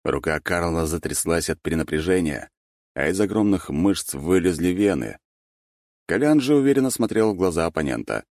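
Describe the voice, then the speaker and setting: A man's voice: deep voice, very animated, moderate pace, a little mellow, no echo, clean studio sound. A man narrating a story expressively as an audiobook reader. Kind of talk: scripted narration.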